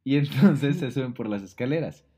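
A man's voice: mid-range voice, lively intonation, moderate pace, warm tone, slightly rough. A man, casually retelling a film plot on a podcast, full of fillers and quoted lines. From Mexico. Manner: storytelling with many fillers. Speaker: podcast co-host.

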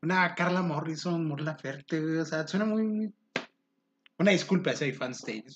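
High-voiced Mexican man, joking co-host. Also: normal speed, fairly bright tone, highs cut off, slight background noise. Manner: joking, apologetic, slangy. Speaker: podcast co-host. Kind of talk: casual podcast banter.

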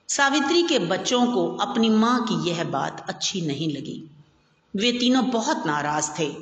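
A woman narrating a short story aloud in a measured storybook manner. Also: medium pitch. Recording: echoey, long hall reverb.

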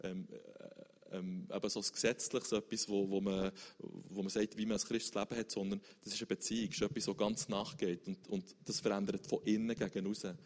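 A man's voice: fairly low pitch, flat delivery, a little fast, hardly any pauses, in a large hall. A man, speaking earnestly about his faith as an interview guest, searching for words with frequent restarts.

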